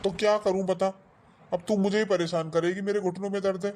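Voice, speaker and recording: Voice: medium pitch, fairly even intonation, brisk, darkish tone, close to an everyday voice. A performer voicing an older father-in-law with bad knees, grumbling at his wife and son in a family comedy skit.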